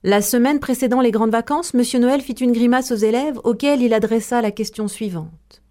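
A woman storyteller narrating a tale in a measured, expressive way. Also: on the high side.

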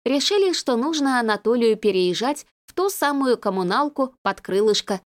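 A woman reading a humorous novel aloud with lively, expressive storytelling. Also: a little high, moderate pace. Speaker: audiobook narrator. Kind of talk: scripted narration.

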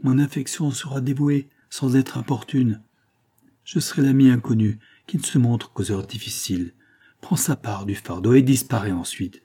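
A man reading an ardent young man who speaks earnestly and imploringly, in a low, husky voice. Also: moderate pace, mellow. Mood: pleading. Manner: fervent, imploring.

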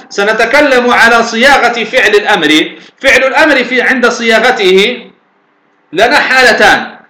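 A man with a high, bright, forceful voice gives a lecture, explaining patiently and asking himself questions before answering them. The sound carries a clear echo, as if recorded in a reverberant room. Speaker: sheikh teaching Arabic morphology. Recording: echoey room.

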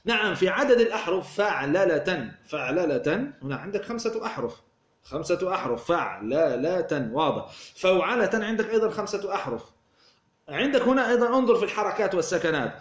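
A man's voice: high-pitched, lively intonation, quick pace. Man teaching in an echoey room. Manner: asks questions and answers them himself, repeats words. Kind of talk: explaining a grammar poem. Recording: roomy echo.

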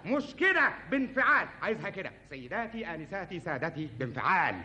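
A man's voice: high voice, big pitch swings, quick pace, sharp tone, full character voice. A man playing a fussy, theatrical show host with an Egyptian accent in a 1950s radio comedy, insisting on every detail. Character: fussy male show host coaching his assistant. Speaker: comic show presenter. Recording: hissy 1950s radio archive.

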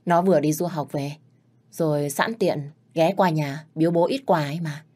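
A woman voicing a calm, gently reassuring young husband in a storybook reading. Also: deep voice, moderate pace.

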